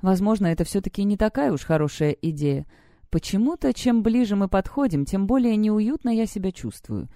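A woman's voice: animated, brisk, mellow, dry recording, clean studio sound, lightly acted. A woman voicing a frightened teenage schoolgirl who turns frantic and threatening. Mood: fearful. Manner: trembling, then shrill and threatening.

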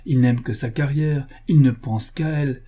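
A man's voice: medium pitch, normal speed, dark tone, breathy edge, lightly acted. A man voicing an old family lawyer and guardian who talks in a blunt, scolding, fatherly way, proud of old nobility.

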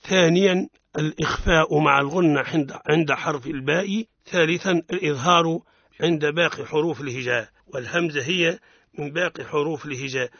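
A man with a Tunisian Arabic accent teaching the rules of Quran recitation on the radio, explaining each rule, quizzing his student and chanting verses slowly. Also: fairly high pitch, a bit bright, dry recording, dull audio.

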